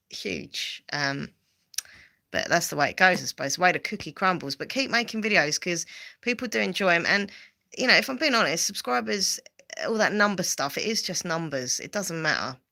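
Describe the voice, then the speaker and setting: A woman's voice: lowish voice, sharp tone. A woman from Southend with an Essex accent, hosting a rambling, casual livestream chat full of fillers and repeats. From Southend, England. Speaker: livestream host.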